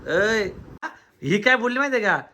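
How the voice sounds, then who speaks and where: A man's voice: high voice, expressive, normal speed, noisy background. A young man chatting casually to his vlog viewers, teasing friends with lots of laughter. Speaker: vlogger.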